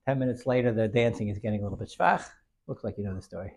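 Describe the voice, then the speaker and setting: A man with gives an informal religious lesson with stories, haltingly repeating words as he goes. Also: lowish voice, vocal fry, darkish tone. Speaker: religious teacher.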